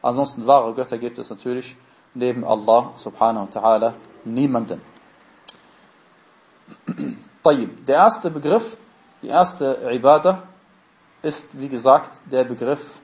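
A man's voice: mid-range voice, unhurried, long pauses, darkish tone. A man giving a religious lesson, explaining terms step by step and answering his own questions. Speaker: Islamic teacher.

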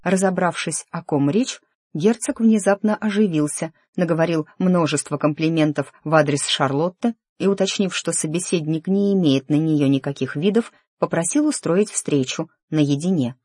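An audiobook narrator in a mid-range voice, reading in an even, measured way. The sound is close to the mic and dry. The delivery is steady scripted storytelling. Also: medium pitch, dry recording.

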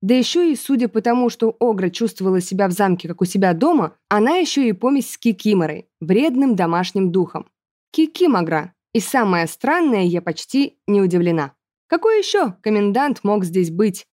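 A woman narrating a first-person fantasy audiobook in a lively, expressive way. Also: medium pitch, moderate pace.

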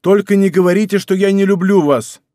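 A man's voice: high voice, a little fast, mellow, dry recording, studio quality, voice pushed up, close to an everyday voice. A man voicing a young king torn between love and duty in an audiobook, speaking with hesitant anguish. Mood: desperate. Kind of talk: audiobook character reading.

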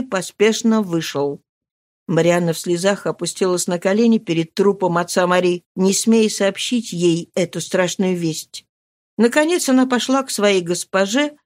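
A woman reading a novel aloud as narrator, in a steady, expressive storytelling manner. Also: medium pitch. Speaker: audiobook reader. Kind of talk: scripted narration.

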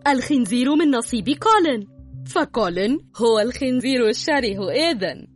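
A man's voice: very high voice, animated, fairly quick, sharp tone, soft background music, pitched above the performer's own voice, heavily acted. A man voicing a cheeky teenage girl with a teasing squeal.

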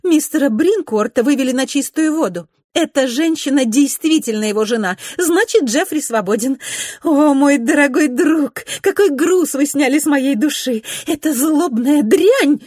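A woman voicing an excitable young society widow who talks in a high, breathless, gushing rush. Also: moderate pace, no room sound, clean studio sound. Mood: triumphant.

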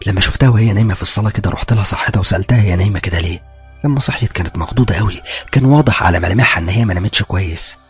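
A man with an Egyptian accent narrating a horror story at a rapid clip. His voice is gravelly, husky and fairly low, in a conversational first-person telling. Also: faint music behind. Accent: Egyptian Arabic.

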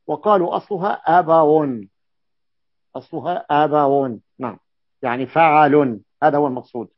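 A man with a voice on the high side teaches classical grammar, repeating key terms and asking students checking questions. The recording is dull, lo-fi, and dry, with no echo.

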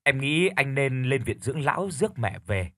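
A man voicing a gentle middle-aged wife who speaks quietly to her husband. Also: mid-range voice, big pitch swings, normal speed, no echo, clean studio sound. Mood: concerned. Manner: quiet, whispering concern.

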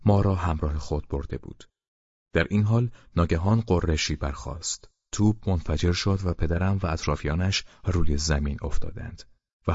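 A man narrating an audiobook in a steady, measured storytelling manner. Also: low-pitched, no room sound. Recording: dull, muffled sound.

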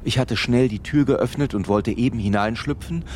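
A man narrating a literary radio drama in a measured, grave first-person voice. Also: medium pitch, a little mellow, slight background noise.

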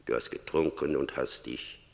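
An actor playing Death in a German radio play, a stern, merciless grim reaper scolding and commanding. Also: male voice, fairly even intonation, moderate pace. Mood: stern, accusing. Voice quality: gravelly, very deep. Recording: long cavernous reverb.

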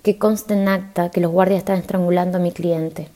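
A woman's voice: on the low side, steady tone, fairly quick, mellow, lightly acted. A woman reading the lines of a defiant female defense lawyer, voicing insistent objections.

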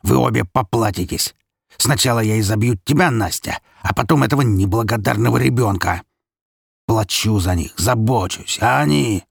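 A furious, brutal drunk father, as a male narrator plays him in a storybook reading, his low voice gravelly and harsh. He bellows and drags out his threats slowly. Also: no echo, clean studio sound. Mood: menacing. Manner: bellowing, menacing, drawn-out threats. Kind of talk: audiobook character voice.

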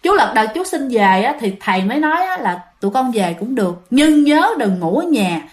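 A woman's voice: a little high, sing-song, a little fast. A woman with a Southern Vietnamese accent, casually retelling a ghost story and chatting directly to her listeners.

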